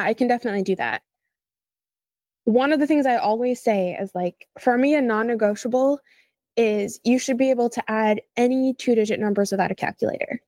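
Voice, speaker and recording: A woman's voice: a little high, dark tone, no echo. A young woman who teaches math, explaining ideas in an upbeat, teacherly way during a casual chat.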